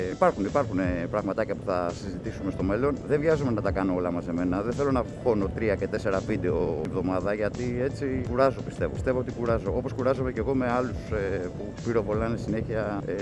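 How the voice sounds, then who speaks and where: Greek man, lowish voice, motovlogging from a helmet mic, rambling chatter with music underneath. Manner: rambling, self-mocking, full of fillers. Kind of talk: casual chat while riding. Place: riding a motorcycle at night on city streets. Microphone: external recorder mic inside a helmet.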